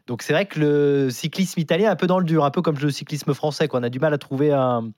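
A man's voice: fairly high pitch, fast, a little mellow, no room sound. A man hosting a radio sports show, chatty and teasing, with many fillers in a studio discussion.

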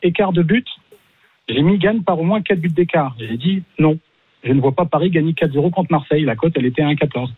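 A man's voice: fairly high pitch, brisk, husky, no echo, faint music behind. A man calling into a radio show, polite and a little hesitant. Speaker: listener caller. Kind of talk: phone call on a radio show. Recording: tinny phone line.

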